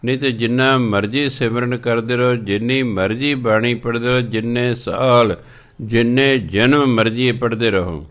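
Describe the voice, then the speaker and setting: A man giving a religious discourse, reciting verses slowly and drawn out and then explaining how to pronounce them. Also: medium pitch, fairly bright tone. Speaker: preacher teaching scripture reading.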